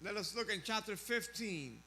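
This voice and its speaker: A man's voice: high voice, lively intonation, unhurried, bright, forceful tone, faint music behind. A man interpreting a sermon live, echoing the preacher phrase by phrase.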